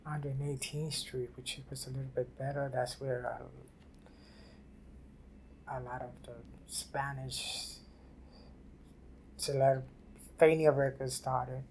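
An older woman from New City, telling her life story haltingly in an oral history interview. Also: extremely low pitch, level tone, darkish tone, a little hiss or hum. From New York City. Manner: halting, repeats and restarts phrases. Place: library office.

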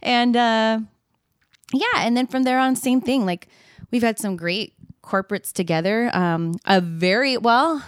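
This woman's fairly high voice comes through clean and dry at studio quality, with a measured pace. A singer and podcast co-host in her thirties, she sings in Spanish though it isn't her first language, and she chats candidly about her gigs, laughing easily and filling pauses often.

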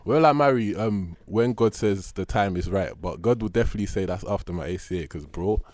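A young man co-hosting a podcast chats casually in an urban London roadman accent, full of slang and banter, calling the listener bro. His voice is low-pitched, brisk, and a little mellow.

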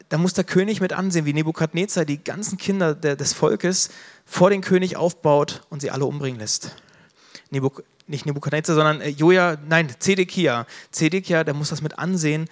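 A man preaching a sermon in a conversational way, retelling stories, correcting himself as he goes and asking rhetorical questions. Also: on the high side.

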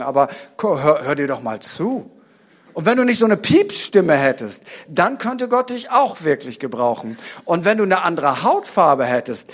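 High-voiced, animated male preacher. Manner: animated, repetitive rhetorical build-ups with joking asides. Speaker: guest preacher. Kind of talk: sermon. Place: church.

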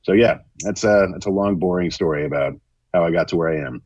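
A man's voice: sits low, brisk, darkish tone, husky, no room sound, lo-fi sound. A man speaking as a podcast guest in casual interview chat, wry and self-deprecating. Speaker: podcast guest, game designer.

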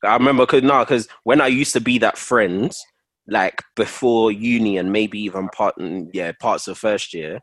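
A man's voice: lowish voice, normal speed, a bit bright, no room sound. A man in his twenties with a London accent and roadman slang, chatting casually among friends. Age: 20s. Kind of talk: casual group chat.

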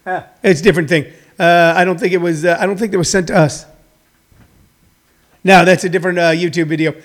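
A man with a notably high voice speaks off the cuff as host of a live talk show. His delivery is halting yet emphatic, and he repeats phrases to drive them home. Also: fairly even intonation. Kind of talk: off-the-cuff topical monologue.

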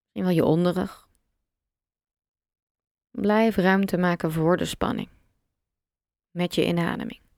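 A woman guiding a relaxation meditation, giving slow, calm, soft instructions with long pauses. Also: lowish voice, vocal fry, dry recording, clean studio sound. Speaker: meditation guide.

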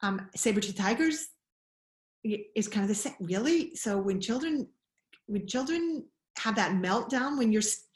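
A woman's voice: mid-range voice, lively intonation, moderate pace. Earnest woman explaining in an echoey room. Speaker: parenting educator. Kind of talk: explanatory interview talk.

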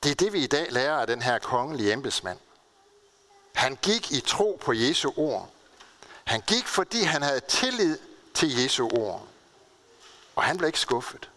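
A man's voice: big pitch swings, pauses often, sharp tone. A male pastor delivering a sermon, telling stories earnestly and stressing key words with big swings in his voice. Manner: earnest storytelling with emphatic pitch swings.

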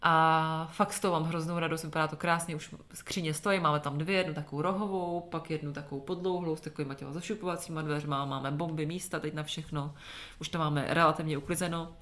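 Co-host: Czech woman, thirties, low-pitched, laughing storyteller, casual swearer. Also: fairly even intonation, a bit bright. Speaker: podcast co-host. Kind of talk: casual chat.

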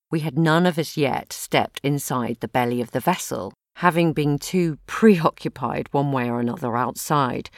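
A woman's voice: deep voice, no echo. A woman narrating an audio drama in the first person with a dry, self-deprecating wit. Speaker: narrator and lead character.

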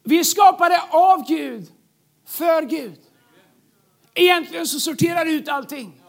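High-pitched male pastor, preaching emphatically with repeated phrases. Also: vocal fry. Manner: emphatic, repeats key phrases, jokes with the congregation. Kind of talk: sermon.

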